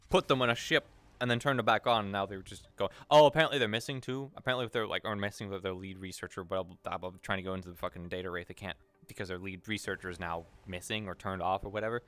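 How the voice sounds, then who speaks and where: A man's voice: lowish voice, sharp tone, clear, resonant tone, dry recording. A man in an in-character roleplay, rambling and swearing with many restarts. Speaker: roleplay streamer.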